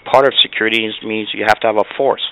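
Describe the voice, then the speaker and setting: Man, very low voice, gravelly, measured emphatic interview analysis. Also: fairly even intonation, a bit bright, low-quality recording. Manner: measured, emphatic, with frequent uh fillers. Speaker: guest analyst. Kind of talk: interview commentary.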